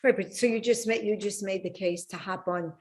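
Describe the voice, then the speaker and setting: A woman's voice: medium pitch, a little fast. A woman hosting an interview over a video call, frank and teasing, laughing easily as she pushes back. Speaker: podcast host. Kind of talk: casual interview chat.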